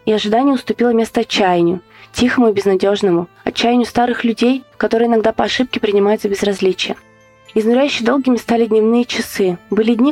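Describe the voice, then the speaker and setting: Measured female narrator for a spooky tale, soft music underneath. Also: fairly high pitch. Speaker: podcast host. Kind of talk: scripted horror story narration.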